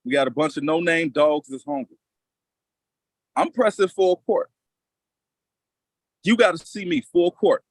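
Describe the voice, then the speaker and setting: A man's voice: a little high, expressive, unhurried, pauses often, dry recording, poor audio. A man with coaching experience breaking down basketball on a casual podcast, talking emphatically and confidently and repeating lines for effect.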